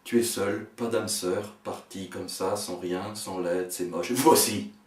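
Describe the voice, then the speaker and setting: A man performing experimental spoken-word poetry in a fragmented delivery, stammering and repeating words, swinging between hushed murmurs and sharp outbursts. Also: low-pitched, steady tone, a little slow. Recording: echoey room, voice far from the mic.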